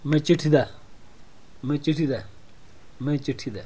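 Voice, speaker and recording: A man's voice: fairly high pitch, steady tone, dark tone, slight background noise. A man giving translations and saying each phrase three times in a row. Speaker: language consultant. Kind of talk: language elicitation session.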